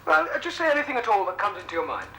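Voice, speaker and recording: An earnest student mangling idioms. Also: male voice, high-pitched, very animated, racing, gravelly, sharp tone, slight background noise, heavily acted. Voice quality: quirky broken English.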